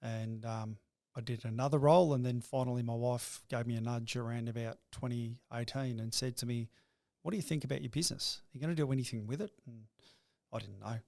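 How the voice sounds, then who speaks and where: This middle-aged businessman's voice is mid-range, gravelly, and darkish, with fairly even intonation. Recounting his life story in a reflective interview, he stumbles and repeats words at the start of his thoughts. It's studio quality with no echo.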